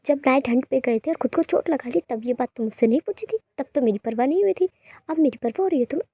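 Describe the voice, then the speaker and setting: A woman voicing an angry young man scolding and shouting at his beloved in a storybook reading. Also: high-pitched, animated, fast talker, slightly rough, dry recording, exaggerated voice.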